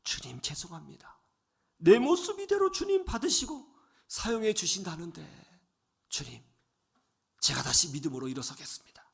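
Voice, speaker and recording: A man's voice: very high voice, sing-song, moderate pace, sharp tone, voice pushed up, full character voice. A man voicing a despairing young man crying out to God in prayer. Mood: repentant. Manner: anguished, pleading.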